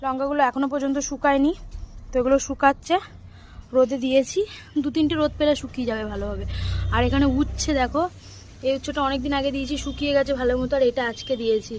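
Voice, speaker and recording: A quick-talking young woman with a slightly high voice, filming a casual home vlog on her phone. She chats straight to her viewers and sounds a little out of breath. A faint hum of the surroundings sits behind her. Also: steady tone, a little mellow. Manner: chatty, addresses viewers directly. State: out of breath from the heat. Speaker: family vlogger. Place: house and sunny rooftop, indoors and out.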